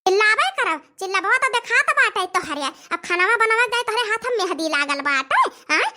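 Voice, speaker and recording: Performer voicing a shrill scolding old Awadhi mother-in-law. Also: lively intonation, brisk, pushed and bright, exaggerated voice. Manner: scolding, complaining rant. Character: grumbling elderly village mother-in-law, bitter and bossy. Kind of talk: cartoon comedy voice acting.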